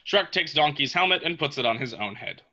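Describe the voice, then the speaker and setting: Very bright, forceful male script narrator. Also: on the high side, lively intonation, fairly quick, lo-fi sound. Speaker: narrator reading stage directions.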